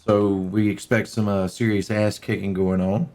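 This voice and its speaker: A man's voice: fairly low pitch, little pitch movement, moderate pace, dark tone. A man hosting and narrating a tabletop game as game master, talking casually with plenty of fillers and laughs.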